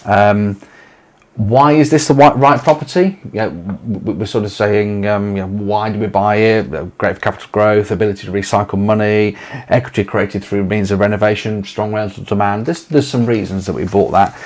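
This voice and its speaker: A man in his forties with an East Midlands English accent talks casually to camera in a small home office. His voice sits on the low side, and he rambles with plenty of fillers and false starts. The sound is close, from a desk-distance camera. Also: fairly even intonation, normal speed, darkish tone. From England. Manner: rambling, filler-heavy, restarts often. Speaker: letting agency owner.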